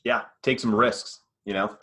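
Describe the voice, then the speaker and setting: A man hosting a podcast moves the conversation along in a loose, casual way, with plenty of fillers. His voice sits low but comes across bright and forceful. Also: steady tone, measured pace. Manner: steering the talk, loose and filler-heavy.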